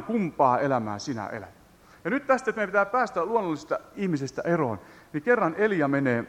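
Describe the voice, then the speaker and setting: A man preaching a Pentecostal sermon, retelling a Bible passage and then rising into loud, high-pitched exhortation. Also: big-room sound.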